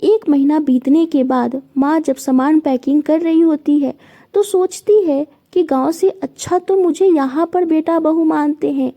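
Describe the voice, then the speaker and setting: A woman's voice: high-pitched, a little slow, mellow. A woman narrating a moral family story in a plain, simple retelling style.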